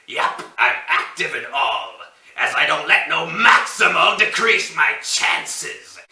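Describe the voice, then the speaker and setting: A scheming cartoon flying-reptile robot impression. He draws out his rhymes in a creaky voice that leaps about in pitch. The room echoes around him. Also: pushed and bright, full character voice. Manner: switched-in cartoon impression voice, dramatic drawn-out rhyming. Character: ambitious male pterodactyl robot, power-hungry plotter. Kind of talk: theatrical character poem recital. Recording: roomy echo, distant mic.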